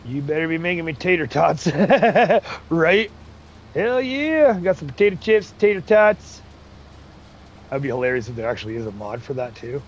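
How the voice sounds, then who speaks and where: Animated and on the high side, a man's voice moves at a moderate pace as he hosts a relaxed farming game livestream. Between frequent laughs and chatter, he reads chat messages aloud. His heritage is English, Irish, Scottish, Ukrainian and Romanian.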